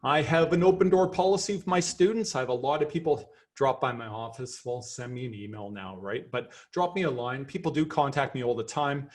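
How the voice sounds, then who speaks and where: In a medium-pitched voice, a middle-aged Canadian professor with a Canadian accent leads a lively seminar lecture. His manner is chatty, enthusiastic, and self-deprecating.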